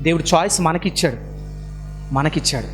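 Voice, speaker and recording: A man's voice: fairly high pitch, fairly quick, faint music behind. A man preaching a sermon as pastor, firing rhetorical questions at the congregation and repeating his key phrases for emphasis.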